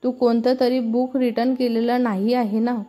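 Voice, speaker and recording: A woman's voice: fairly high pitch, little pitch movement, moderate pace, dark tone, close to an everyday voice. A woman reading the lines of a playful young male student pulling a prank in a storybook. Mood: teasing.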